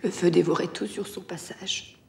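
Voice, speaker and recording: An actress playing a shaken young wife and mother who speaks in halting, breathy phrases. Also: lowish voice, fairly even intonation, full character voice. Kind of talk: period TV drama acting.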